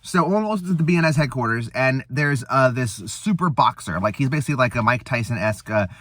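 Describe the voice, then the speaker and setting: A man's voice: medium pitch, lively intonation, fast, fairly bright tone, no room sound. A man hosting a casual eating show, rambling and laughing as he retells a movie between bites. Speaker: host. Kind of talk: casual chat.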